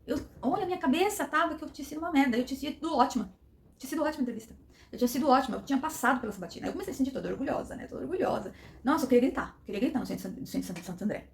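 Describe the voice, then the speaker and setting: A woman's voice: sits high, lively intonation, racing, vocal fry. A middle-aged woman, telling a personal story with emotion and acting out the dialogue. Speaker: vlogger.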